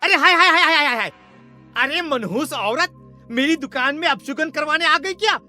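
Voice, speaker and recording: A woman puts on a rude village shopkeeper for a cartoon horror story, squawking and scolding at a high, piercing pitch. His voice is bright and cutting, and soft music plays underneath. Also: expressive, moderate pace, heavily acted. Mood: angry. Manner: scolding, shooing away.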